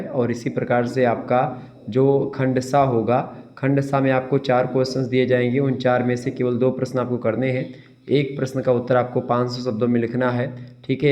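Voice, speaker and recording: A teacher with a sore throat delivers an exam-prep lecture, repeating key terms and answering his own questions. His voice is medium in pitch with a darkish tone, and the recording has a dull lo-fi quality.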